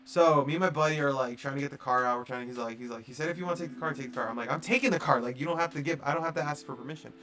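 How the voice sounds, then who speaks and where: On a livestream, a streamer spins a long, casual, rambling tale packed with fillers, acting out the quoted dialogue himself. His medium-pitched voice races along with hardly any pauses, sounding bright and forceful.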